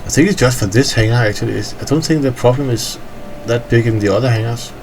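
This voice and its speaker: Against background noise, a weary man from Denmark gives a quick, medium-pitched walkthrough of his hangar in a game. His Danish accent comes through as he rambles casually, hesitating often with fillers.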